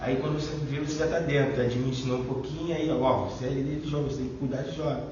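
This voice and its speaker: A man's voice: mid-range voice, steady tone, rapid-fire, a little mellow, a little hiss or hum. Chatty Brazilian man in an echoey hall. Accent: Brazilian Portuguese. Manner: chatty, rambling, fillers like "né" and "e tal". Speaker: Bible study leader sharing testimony. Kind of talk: informal testimony in a Bible study. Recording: echoey, distant, dull lo-fi room recording.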